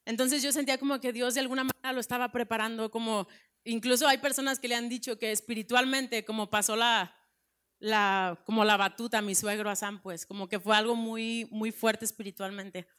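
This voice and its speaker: A woman's voice: on the high side, level tone, fairly quick, a bit bright. A woman pastor in her thirties with a Mexican Spanish accent, sharing her testimony in an earnest, conversational sermon with frequent restarts. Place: church breakfast event.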